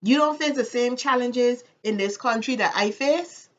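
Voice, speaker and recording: A woman's voice: on the high side, normal speed, highs cut off. A woman from the Virgin Islands with a Caribbean accent, talking casually and with strong opinions in an emphatic way, repeating phrases for stress. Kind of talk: casual opinionated personal talk to camera.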